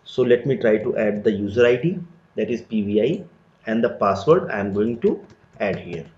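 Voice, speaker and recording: A man giving a step-by-step screen-recorded software tutorial, explaining each click in a plain, methodical way. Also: on the low side, expressive, normal speed. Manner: step-by-step, plain explanatory delivery with frequent "so" and "let me". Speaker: tutorial instructor. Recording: roomy, dull lo-fi recording.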